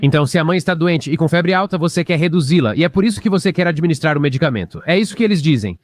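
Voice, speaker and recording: A man's voice: fairly high pitch, animated, racing. Sarcastic man commenting over clips. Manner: sarcastic, mocking.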